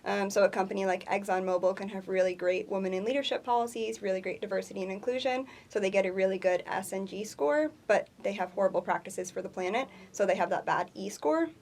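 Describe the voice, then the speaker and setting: A woman with a mid-range voice talks through her answers in an upbeat, explanatory way. She fills her pauses with frequent ums as an interview guest. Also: medium pitch, gravelly, darkish tone. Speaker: co-founder guest. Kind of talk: conversational interview.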